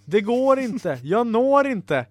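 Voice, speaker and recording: A man voicing an excitable female beaver in a read-aloud storybook. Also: very high voice, dry recording, pitched above the performer's own voice. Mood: urgent. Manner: cries out urgently.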